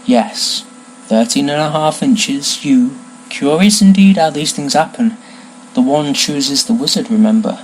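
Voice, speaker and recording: A man voicing an intense, eerie old male wandmaker in a storybook reading, with a soft, hushed, lilting voice. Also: a little high, measured pace, a little hiss or hum, natural voice, rough recording. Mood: ominous.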